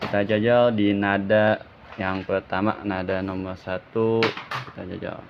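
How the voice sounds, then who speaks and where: A man's voice: fairly low pitch, little pitch movement, measured pace. A man casually demonstrating a horn module, plainly announcing each tone in turn. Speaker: shop seller demoing horns. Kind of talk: casual product demo. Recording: lo-fi with loud ambient noise.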